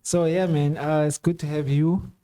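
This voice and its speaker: A man hosting a laid-back talk show, his voice mellow and warm. He asks questions in an easy, conversational way, leaning on fillers. The sound is dry and close, with no room around it. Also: on the high side, little pitch movement, moderate pace, clear, resonant tone, dry recording. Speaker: host. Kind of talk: casual chat.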